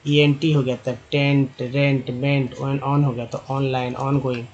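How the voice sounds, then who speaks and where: A man's voice: medium pitch, flat delivery, slow, darkish tone, muffled recording. A man teaching an online lesson, spelling out letters and sounding out English words as he talks to viewers as friends. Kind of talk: explaining a lesson.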